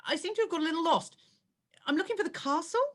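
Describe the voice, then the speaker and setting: A woman acts a young pantomime prince, a swaggering hero with courteous, flustered manners. The voice is high and lively, pitched for broad stage comedy. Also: fast talker. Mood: polite, flustered. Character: polite, flustered young male royal in pantomime.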